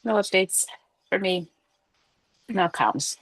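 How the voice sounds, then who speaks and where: Chairing a virtual committee meeting, a congested-sounding woman speaks slowly in a medium pitch. She keeps things casual and polite, using many fillers, and the audio has no echo.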